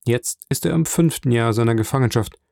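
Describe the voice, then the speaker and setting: A man's voice: mid-range voice, brisk, gravelly, a little mellow, no room sound, studio quality, close to an everyday voice. A man voicing an offhand, slightly mocking male prison governor in an audiobook reading.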